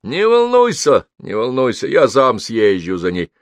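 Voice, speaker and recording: A man reading the part of a calm, jovial male friend who speaks breezily and confidently. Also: mid-range voice, measured pace, no echo, pitched above the performer's own voice. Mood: breezy.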